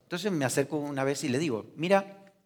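A male pastor preaching a sermon in a church, swinging from soft, quiet passages to loud, emphatic lines and asking the congregation questions. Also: a little high, quick pace. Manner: asks the congregation rhetorical questions.

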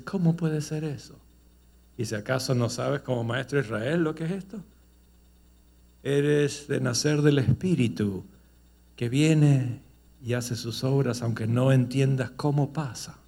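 A man's voice: mid-range voice, dark tone. A man preaching, moving from storytelling into emphatic rhetorical questions. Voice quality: gravelly. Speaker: pastor. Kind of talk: sermon.

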